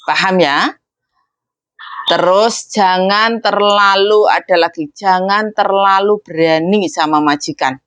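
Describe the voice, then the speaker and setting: Lowish-voiced woman coaching domestic workers. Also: fairly bright tone, dry recording. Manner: mixes in English and Cantonese phrases, playfully imitating speech. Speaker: trainer for migrant domestic workers. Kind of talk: casual instructional talk.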